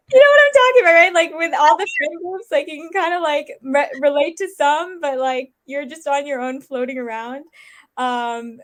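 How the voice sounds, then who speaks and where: A woman's voice: high-pitched, normal speed. Earnest young woman thinking aloud. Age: 20s. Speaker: interview guest. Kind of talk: casual interview.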